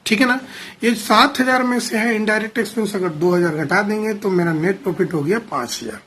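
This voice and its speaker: A male teacher giving a classroom accounting lecture. He explains step by step, calls the students "children", checks often whether they follow, and reads definitions out slowly. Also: high voice, fairly bright tone, a little hiss or hum.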